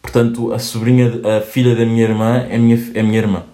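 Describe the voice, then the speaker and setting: A young man with a European Portuguese accent hosting a casual comedic monologue, joking, swearing and throwing in quick asides. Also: mid-range voice, little pitch movement, mellow. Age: young adult. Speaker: host. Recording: roomy echo.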